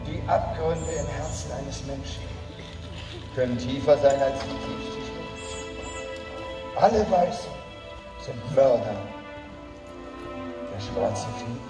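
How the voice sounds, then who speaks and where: A man's voice: medium pitch, lightly acted. A man doing a solemn, grave chief. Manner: slow, weighty pronouncements. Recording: echoey hall from far off, music behind.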